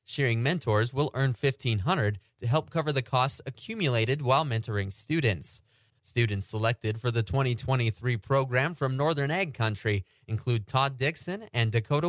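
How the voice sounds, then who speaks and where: A man anchoring a radio farm report, reading agricultural news and market prices in a steady newsreader delivery. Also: mid-range voice, dry recording, studio quality.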